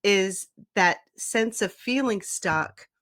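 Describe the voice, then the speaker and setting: Woman in her fifties, podcast co-host, enthusiastic, affirming, mid-pitched voice. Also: slow, fairly bright tone. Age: 50s. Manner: affirming, enthusiastic, lots of agreement. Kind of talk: casual podcast chat.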